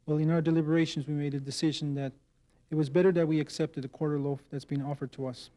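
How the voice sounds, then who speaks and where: A man giving an unscripted statement to the press as a community leader, halting and repeating words as he goes. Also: fairly high pitch, level tone, mellow.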